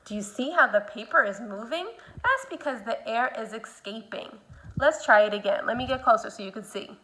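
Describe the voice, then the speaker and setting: A woman teaching a speech sound lesson, modeling speech slowly with exaggeration and guiding the learner step by step with simple prompts. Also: on the high side, sharp tone, a little hiss or hum, low-quality recording.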